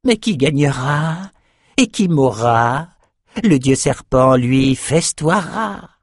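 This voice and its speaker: A man voicing a shrill, unhinged male seer who squeaks and mutters gloatingly in an audiobook. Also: animated, slow pace, dry recording, studio quality. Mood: manic.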